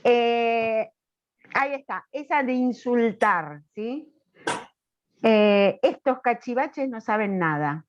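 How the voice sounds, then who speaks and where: A woman teacher giving an online class, slow and questioning, checking often that students follow. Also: on the high side, animated. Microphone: video call. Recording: dull lo-fi video call audio.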